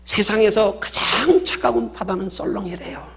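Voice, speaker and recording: A man's voice: sits high, moderate pace, creaky, fairly bright tone, husky, full character voice. A man voicing a wife coaxing her husband in a coy, wheedling tone.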